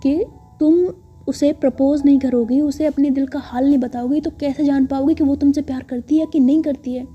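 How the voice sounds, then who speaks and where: A woman's voice: sits high, steady tone, normal speed, warm tone, natural voice. A woman voicing a confident young woman who teases and insists bossily, in a lo-fi recording with faint music. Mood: bossy. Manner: teasing, insistent, scolding. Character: bossy teasing young woman, confident best friend. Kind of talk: storytelling voice acting.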